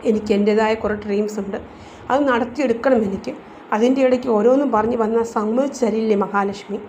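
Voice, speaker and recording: A woman's voice: a little high, steady tone, fast talker, lo-fi sound, slight background noise, close to an everyday voice. A woman voicing a defiant, proud twenty-year-old woman who pleads yet stands her ground, in a storybook reading. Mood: determined. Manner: pleading yet stubborn, sharp-tongued.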